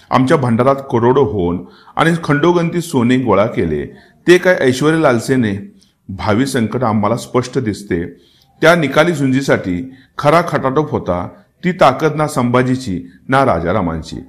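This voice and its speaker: A dying old king, weary but still commanding, speaks in an emotional, heightened voice, as a man reading a historical novel puts him on. His lines climb in pitch and swell in force. It sounds like a dramatic storybook reading. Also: close to an everyday voice. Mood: grave. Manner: emotional, rising to pleading and commanding outbursts.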